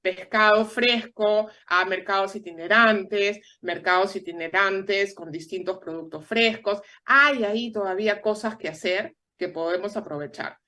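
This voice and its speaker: Measured Peruvian woman analyst. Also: mid-range voice, pushed and bright. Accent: Peruvian Spanish. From Peru. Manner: measured, explanatory, tag questions. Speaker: guest analyst. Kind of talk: explanatory interview answers.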